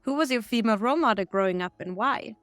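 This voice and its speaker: A woman hosting a podcast, reading set interview questions in a steady, bright tone. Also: on the high side, quick pace, no echo, faint music behind. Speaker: podcast host. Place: Stockholm.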